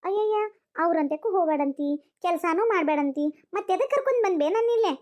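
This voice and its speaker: A woman's voice: very high-pitched, lively intonation, fast talker, a little mellow. A woman voicing a sulky village daughter. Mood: protesting. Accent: North Karnataka Kannada. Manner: complaining, talking back. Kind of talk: cartoon voice acting.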